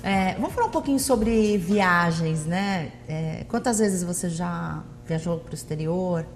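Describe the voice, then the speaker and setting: A woman's voice: on the low side, unhurried, faint music behind. A woman hosting a TV interview show, affirming and echoing her guest and asking short questions. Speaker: TV show host.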